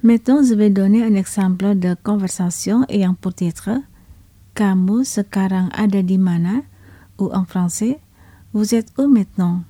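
Slow, dark-voiced woman teaching vocabulary. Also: medium pitch, soft background music. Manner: repeats each word twice, slow and deliberate. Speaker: language teacher. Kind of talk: slow scripted language lesson.

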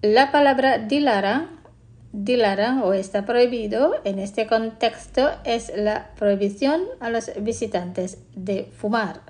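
Slow, careful woman presenting a lesson. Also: on the high side, a little mellow. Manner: slow, careful, repeats each word twice. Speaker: radio language-lesson presenter. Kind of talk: scripted radio lesson.

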